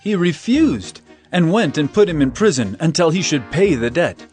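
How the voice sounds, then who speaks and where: An actor playing Jesus as an earnest, emphatic teacher of solemn parables in a dramatized scripture reading. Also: male voice, on the high side, sing-song, normal speed, a little mellow, soft background music. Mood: solemn storytelling.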